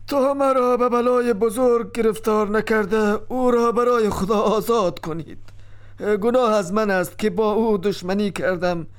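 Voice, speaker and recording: Man acting humbled grand vizier, storybook drama, raised pleading voice, high and loud. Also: clear, resonant tone, natural voice. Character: ashamed, angry male grand vizier.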